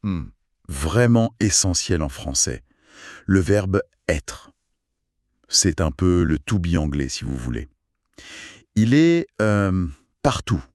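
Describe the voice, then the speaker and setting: A deep-voiced man leads a beginner language lesson at an unhurried pace. His pitch moves a lot as he articulates carefully and repeats the key phrases. The sound is dry and close. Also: lively intonation, dry recording. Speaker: French teacher.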